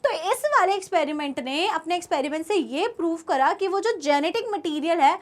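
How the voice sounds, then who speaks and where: A woman's voice: very high-pitched, expressive, brisk. A young woman teacher giving an online class lecture. She keeps asking her students questions and then answers them herself.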